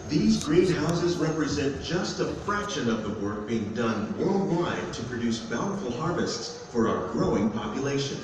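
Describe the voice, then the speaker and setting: A man giving a polished, measured scripted narration for an attraction ride, heard played over the ride's loudspeakers. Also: medium pitch, very animated, background noise. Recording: echoey loudspeaker from far off. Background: background music.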